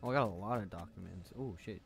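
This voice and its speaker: A man's voice: deep voice, quick pace, vocal fry, faint music behind. Jumpy, foul-mouthed man playing a horror game. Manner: swears a lot, talks to game characters; jumpy, yells when startled. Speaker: let's play host. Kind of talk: casual gameplay commentary.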